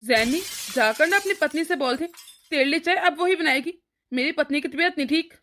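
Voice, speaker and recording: A woman's voice: sits high, brisk, a bit bright, a little hiss or hum. A woman voicing a short-tempered elder brother. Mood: irritated. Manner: annoyed, lecturing.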